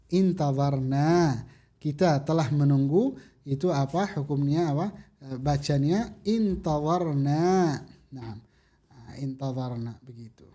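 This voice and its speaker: A woman's voice: sits low, warm tone. A woman teaching beginner Arabic verbs, patiently repeating each form for students to echo. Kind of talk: slow classroom drilling of verb forms.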